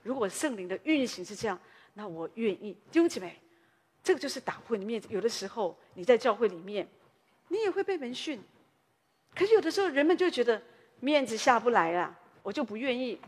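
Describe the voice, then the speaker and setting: A woman's voice: fairly high pitch, sing-song, brisk, darkish tone, slightly rough, big-room sound. A woman pastor, preaching a sermon in a conversational storytelling way, often tagging her sentences with small particles.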